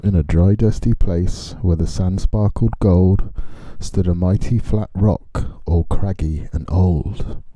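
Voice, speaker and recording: A man narrating a children's picture book expressively, in a measured, dramatic way with deliberate pauses. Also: low-pitched, mellow, no echo. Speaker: storyteller reading a picture book.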